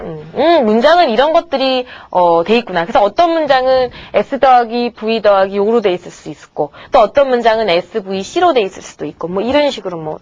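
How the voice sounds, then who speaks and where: A woman's voice: mid-range voice, no room sound, muffled recording. A woman teacher giving a grammar lecture to middle-school students, chatty and coaxing, checking in with her class again and again. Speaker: English teacher.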